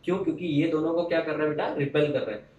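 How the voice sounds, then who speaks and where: Male teacher, fairly high voice, quizzing his class and answering for them; roomy, distant mic. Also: rapid-fire, darkish tone, highs cut off. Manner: explains step by step, quizzes the students and answers for them. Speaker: chemistry teacher. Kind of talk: classroom lecture.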